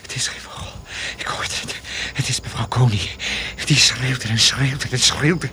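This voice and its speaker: A man's voice: medium pitch, measured pace, bright, forceful tone, slight background noise. An actor playing a dazed, distraught man who survived a plane crash in the jungle, in a radio drama. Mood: delirious. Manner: distraught, feverish inner monologue.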